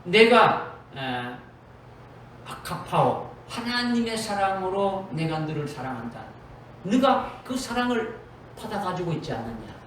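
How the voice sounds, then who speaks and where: Heard from far off in an echoey church hall with faint noise, a male pastor delivers an emphatic, repetitive sermon in the sanctuary, often voicing Jesus's words directly. He has a high, expressive, fairly bright voice and speaks a little slowly.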